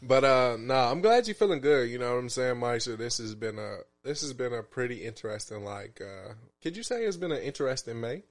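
A man's voice: medium pitch, animated, fairly quick, hardly any pauses. Teasing laid-back male podcast co-host. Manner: playful, teasing, slangy. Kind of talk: casual banter.

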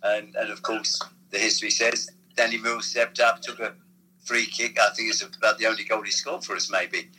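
Man, bright tense voice, former football insider reminiscing, halting story-telling. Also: lowish voice, little pitch movement, low-quality recording. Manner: rambling, halting storyteller with restarts. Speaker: former football club figure, guest. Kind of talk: casual reminiscing chat.

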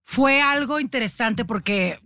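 A woman's voice: a little high, expressive, unhurried, pushed and bright, dry recording, clean studio sound. A young adult woman with a northern Mexican accent, an actress chatting animatedly as a guest in an interview. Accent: northern Mexican (Monterrey). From Monterrey, Mexico. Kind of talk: casual interview chat.

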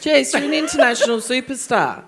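A woman's voice: high voice, lively intonation, brisk, a little hiss or hum. An Australian woman hosting a live comedy podcast, cheeky and teasing, swearing freely. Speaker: host. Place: ballroom stage before an audience. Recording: live show with loud crowd.

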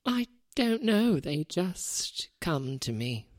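Woman playing a low-voiced, self-important lady author. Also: big pitch swings, unhurried, no echo, studio quality, heavily acted. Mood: grave, self-important. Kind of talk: comedy radio sketch acting, celebrity parody.

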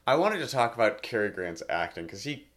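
A man's voice: medium pitch, sing-song, a little fast, a bit bright. A young man co-hosting a casual podcast chat, laughing often and talking playfully. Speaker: podcast co-host.

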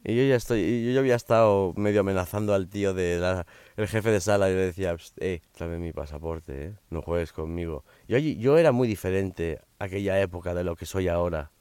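Middle-aged male podcast host, Spanish with a light American accent, English-first speaker; low voice, dry close sound, frank confessional storytelling. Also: fast talker, darkish tone, smooth, no room sound. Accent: slightly off Spanish, American-influenced. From Spain, raised in Miami. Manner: frank, conversational, with emphatic repetitions. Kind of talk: personal storytelling monologue.

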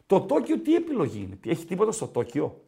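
A man hosts a relaxed football chat show. His voice sits high and swings widely as he talks, and he often repeats his own phrases. He reads viewer messages aloud in an animated, chatty way. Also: vocal fry. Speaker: podcast host.

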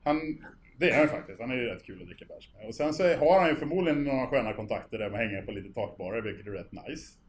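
A man with a Stockholm accent talks casually as a guest, blunt and colloquial in his wording. His voice sits at a middle pitch. The room echoes around him, with slight background noise. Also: expressive. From Västergötland, Sweden. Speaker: interview guest. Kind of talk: casual chat. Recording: roomy echo with faint background noise.

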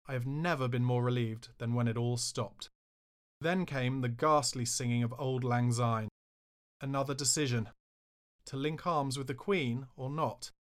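A man reading his own memoir aloud in a wry, self-mocking way, bursting into raised outbursts when he quotes himself. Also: mid-range voice. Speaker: author narrating his memoir. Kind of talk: memoir audiobook narration.

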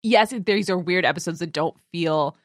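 A woman co-hosting a casual podcast chat, animated and quick to act out what people said. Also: on the low side, dry recording, studio quality. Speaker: podcast co-host.

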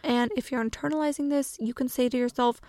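A woman giving self-help advice in a calm, earnest, measured monologue. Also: sits high, no echo, clean studio sound.

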